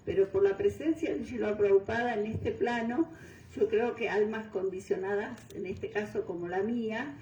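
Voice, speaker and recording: An older woman from Venezuela giving a devotional talk, pausing often and searching for words. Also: mid-range voice, mellow, dull audio, a little hiss or hum. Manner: unhurried, searching for words, frequent fillers. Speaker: guest speaker. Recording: distant mic in roomy hall.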